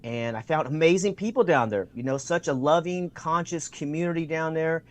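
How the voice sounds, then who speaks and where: Speaking at normal speed in a somewhat high voice, a man appears as a guest on a video call. He tells stories enthusiastically, packs in fillers, and acts out what people said.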